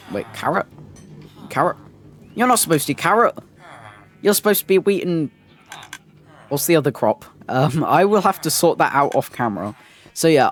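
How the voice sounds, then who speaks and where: A man narrating a game build as a voice-over, rambling with lots of ums and restarts. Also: mid-range voice. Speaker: Minecraft builder and channel host. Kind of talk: gameplay voice-over commentary.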